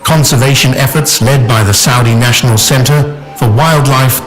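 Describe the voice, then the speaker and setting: A man reading scripted nature documentary narration in a measured, formal manner. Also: mid-range voice, poor audio. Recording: loud music under narration.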